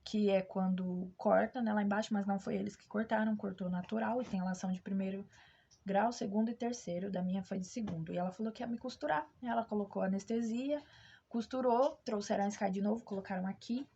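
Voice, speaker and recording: A woman's voice: mid-range voice, steady tone, brisk, gravelly, warm tone, breathy edge. A young woman with a Brazilian Portuguese accent, candidly telling a personal story to her vlog audience and acting out the people she quotes. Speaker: vlogger. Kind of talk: casual storytelling to camera. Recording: dull lo-fi recording.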